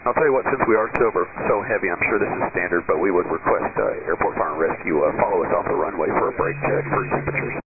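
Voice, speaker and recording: A male airline pilot speaks into a cockpit headset over aircraft radio, in a lowish voice and very quickly. His calls are clipped, polite and businesslike, through a thin narrowband transmission. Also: expressive, background noise.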